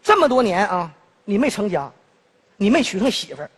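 An exasperated, placating city cousin speaks in a very high, husky voice with a lively pitch and a Northeast Chinese accent. The stage sound rings with a long reverb. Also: male voice, brisk, full character voice. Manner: exasperated, placating, laughs often. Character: well-off city man, patient younger cousin. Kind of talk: comedy sketch dialogue.

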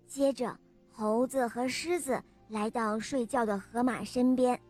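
A woman narrating a children's story with a lively, expressive reading. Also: on the high side, a little slow, faint music behind.

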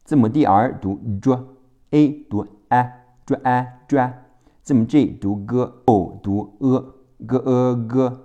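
A man teaching English vocabulary in a phonics lesson, spelling each word letter by letter and repeating it slowly. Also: medium pitch, dark tone, highs cut off.

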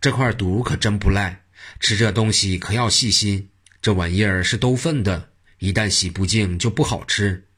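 A man voicing a joking, mischievous old monk in a spoken storybook, with a husky, low voice and a teasing, playful manner. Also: moderate pace, a bit bright.

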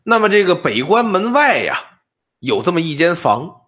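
A man telling an old ghost story on a podcast, explaining details in an animated, comic patter. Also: high-pitched, normal speed. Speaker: storyteller, co-host.

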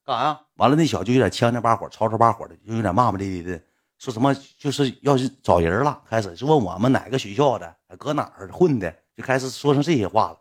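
A young man with a Northeastern Mandarin accent tells a story from his own life in quick, blunt, slangy talk. His voice is slightly husky and his pitch jumps around a lot. He keeps the pace brisk throughout. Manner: blunt, slangy, animated retelling with coarse words. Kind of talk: casual spoken storytelling.

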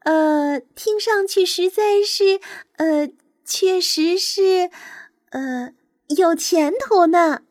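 A woman's voice: sits high, lively intonation, slow, no echo, studio quality. A woman voicing a kindly nightingale singing teacher who talks politely and hesitantly.

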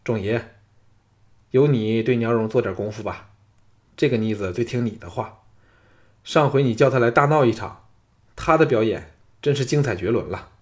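A male audiobook narrator voicing a scheming, powerful chancellor in a low, hushed plotting tone. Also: normal speed, long pauses, close to an everyday voice. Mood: pleased. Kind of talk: audiobook character reading.

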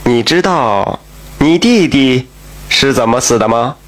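A male storyteller voicing a drunk, scheming young husband who confides a secret in a low, sighing drawl. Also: lively intonation, a little slow, fairly bright tone. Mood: confiding. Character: scheming rich young man, drunk, confessing.

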